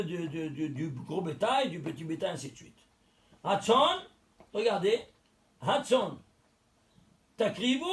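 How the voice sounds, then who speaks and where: A man giving a religious text lesson, explaining step by step, counting letters aloud and asking and answering his own questions. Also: high voice. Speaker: teacher.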